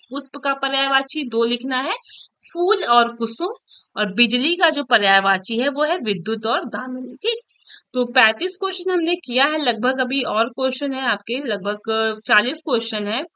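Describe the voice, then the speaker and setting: A woman's voice: high-pitched, lively intonation, normal speed, bright, forceful tone, no room sound. A woman teacher giving an online exam-prep lesson, explaining step by step, checking in often and writing on a board as she goes. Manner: writes and erases on a board while talking.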